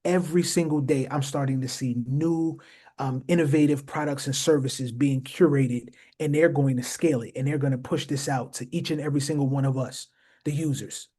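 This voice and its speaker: A man's voice: medium pitch, steady tone, normal speed, mellow. A man hosting a casual explainer talk, speaking emphatically to his viewers and often repeating phrases for stress. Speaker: host.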